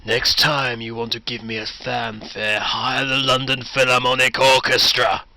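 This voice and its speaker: A man playing a haughty, impatient supervillain overlord in a comedy audio cartoon, commanding and pompous, with slow menace. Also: medium pitch, level tone, creaky, bright, forceful tone, dry recording, heavily acted. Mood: haughty anger. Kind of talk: audio comedy villain acting.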